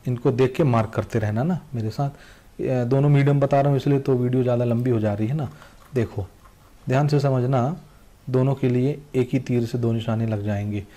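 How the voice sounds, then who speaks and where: A young man with a Chhattisgarhi Hindi accent teaches a class, repeating instructions over and over and urging students to cross out topics. His mid-range voice is steady and dark in tone, at a moderate pace.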